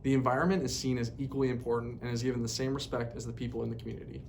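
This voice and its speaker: A man with a steady, slightly mellow tone races through a formal, scripted educational narration. The poor-quality mic picks up a clear background rumble.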